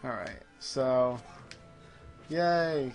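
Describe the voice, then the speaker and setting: A gaming show host chats casually while playing, muttering distracted asides as he goes. His medium-pitched voice draws words out, with faint music in the background.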